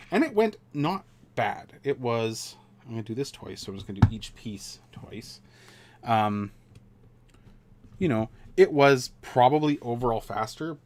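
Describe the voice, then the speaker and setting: A man casually chatting on a live stream while building a model kit, rambling and relaxed with many fillers and restarts. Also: lowish voice.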